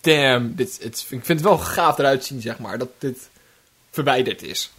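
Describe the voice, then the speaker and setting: A man's voice: mid-range voice, moderate pace, a bit bright, husky. A young man co-hosting a casual podcast, talking hesitantly, laughing often and playing himself down. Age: young adult. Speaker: podcast co-host. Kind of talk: casual chat.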